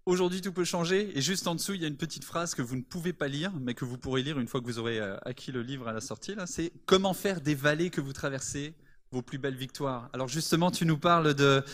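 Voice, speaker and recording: A man hosts a live interview in front of a church congregation. His voice sits a little high for a man, and he talks with enthusiasm, building up his introductions and questions. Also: fast talker, a bit bright. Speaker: church host interviewing a guest. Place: church service before a congregation.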